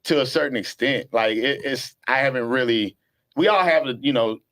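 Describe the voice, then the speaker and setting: A middle-aged man hosting a podcast, telling stories casually with plenty of swearing and slow, drawn-out pauses while he thinks. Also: mid-range voice, fairly bright tone, no echo. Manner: laid-back storytelling, profane, drawls when thinking. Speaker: podcast host.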